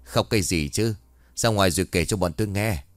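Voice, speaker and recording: A man's voice: sits low, fairly quick, no room sound, lightly acted. A man voicing a blunt, impatient middle-aged man who snaps at others. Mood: gruff. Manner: brusque, snapping.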